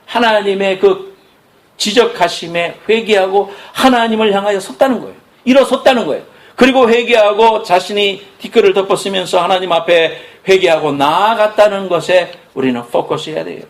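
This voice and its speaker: A middle-aged male pastor delivering an animated sermon, dropping low and soft when he quotes God. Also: normal speed.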